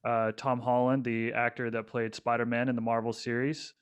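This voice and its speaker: A man's voice: medium pitch, flat delivery, moderate pace, clean tone, highs cut off. A young man co-hosting a casual podcast, rambling with lots of fillers and restarts. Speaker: podcast co-host.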